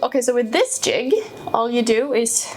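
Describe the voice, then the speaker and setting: A woman's voice: on the high side, steady tone, moderate pace, heavy background noise. A woman, casually walking through a tool demonstration in her workshop, explaining each step with fillers and restarts. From Sweden. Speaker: woodworking video host. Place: home woodworking workshop.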